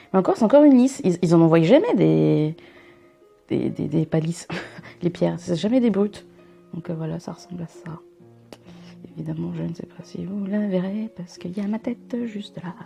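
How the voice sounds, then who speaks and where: A young woman with a warm, gravelly, fairly low voice vlogs from home, unboxing a subscription box into a camera mic. Her talk is chatty and rambling, peppered with self-mocking asides.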